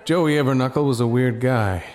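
A man playing a dim-witted private detective who narrates his misadventures deadpan, in a comedy audio drama. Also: mid-range voice, normal speed, a faint crowd, close to an everyday voice. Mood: wry, matter-of-fact. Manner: deadpan, matter-of-fact. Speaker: narrator and lead character. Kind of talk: scripted comedic noir narration.

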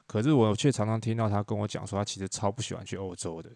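A man's voice: fairly low pitch, fairly even intonation, fast, vocal fry, darkish tone, dry recording, clean studio sound. A man who works as a tour leader hosts a solo podcast, telling wry, chatty stories from his job. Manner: chatty, wry storytelling with quoted dialogue.

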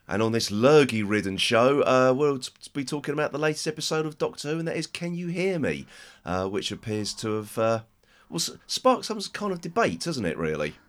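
A British man with a croaky voice from a chest cold, hosting a podcast in a halting, rambling, chatty way. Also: mid-range voice, big pitch swings. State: chest infection, hoarse with a cold. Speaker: podcast host. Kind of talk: casual podcast chat.

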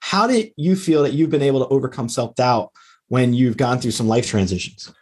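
A man with a medium-pitched, slightly rough voice talks briskly as the host of a conversational interview. He asks his guest thoughtful questions and offers encouragement and advice.

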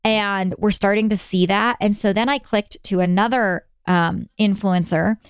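A woman's voice: medium pitch, fairly even intonation, clean tone, dry recording, studio quality. A woman guest in an interview, telling stories earnestly and sometimes speeding up in bursts. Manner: earnest, storytelling with quick bursts. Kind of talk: conversational interview.

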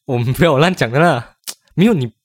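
A man's voice: on the high side, fast, dry recording, clean studio sound. A man with a Malaysian Mandarin accent chatting casually as a podcast co-host, dropping English words into his speech. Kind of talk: casual chat.

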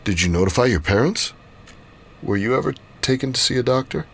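A man playing a doctor who questions a patient in a measured way before a risky procedure. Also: medium pitch, lively intonation, creaky, a bit bright, husky, heavily acted. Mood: probing. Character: calm clinical man, procedure doctor, probing.

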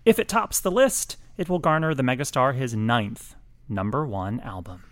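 A man co-hosting a music podcast, reading chart news with wry, animated delivery. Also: medium pitch, moderate pace, no room sound. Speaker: podcast co-host.

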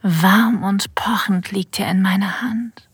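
Whispering breathily in ASMR-like scripted first-person narration, a woman portrays a female boss in a secret affair, sensual and confident, for an erotic audio drama. Her mid-range voice has fairly even intonation and a slow, deliberate, intimate, aroused feel. Recorded close on a dry studio mic, it has no echo.

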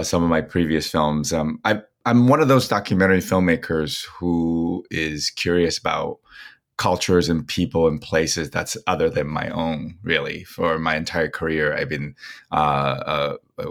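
A man from Taiwan with a very deep, low voice, speaking as a documentary filmmaker on a podcast. He talks thoughtfully and hesitantly, filling his pauses with ums. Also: vocal fry. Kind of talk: conversational interview.

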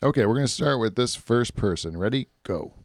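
A man's voice: mid-range voice, lively intonation, brisk, no room sound, studio quality. A man hosting a podcast in casual chat, rambling and laughing as he tells stories. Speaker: podcast host.

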